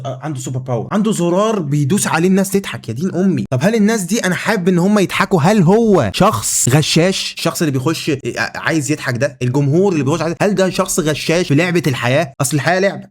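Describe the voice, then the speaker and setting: A young man with an Egyptian Arabic accent, rambling through a self-mocking comic monologue to the camera, leaping between high and low pitches and trailing off into restarts. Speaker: comedy YouTuber.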